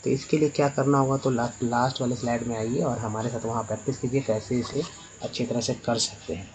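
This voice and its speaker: A man teaching English pronunciation as a spoken lesson. He spells words letter by letter, slowly and with many repeats. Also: mid-range voice, fairly even intonation, darkish tone, low-quality recording.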